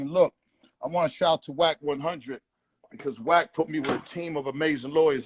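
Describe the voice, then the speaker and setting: A man speaks as a guest in a loose live video interview. His voice is somewhat husky and sits a touch high for a man. He talks with blunt, profane emphasis, circling back over the same words as he pushes his point. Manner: emphatic, profane, repeats and restarts phrases.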